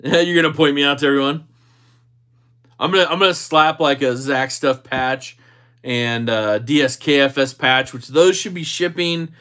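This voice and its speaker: A man's voice: on the high side, steady tone, normal speed, bright, forceful tone. A man hosting a livestream, casually reading and answering viewer comments in a jokey, easygoing way. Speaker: livestream host.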